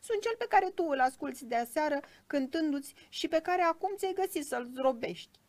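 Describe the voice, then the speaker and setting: A woman voicing a tiny proud male cricket fiddler with a squeaky, slightly hoarse voice in a storybook reading. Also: animated, darkish tone. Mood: indignant. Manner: indignant, declaiming.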